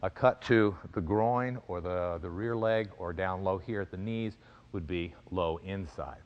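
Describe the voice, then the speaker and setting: A man with a fairly low voice teaches fencing as an instructor. He explains each technique in measured phrases and gives crisp, clipped commands. The recording is a little dull and muffled. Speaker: fencing and self-defense instructor. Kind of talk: instructional demonstration.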